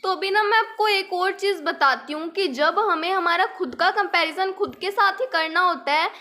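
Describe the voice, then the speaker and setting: A woman's voice: very high-pitched, normal speed, bright, forceful tone, a little hiss or hum. A young woman teaching English grammar in Hindi, patiently repeating points and asking the viewer rhetorical questions. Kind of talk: explaining grammar lesson in Hindi with English examples.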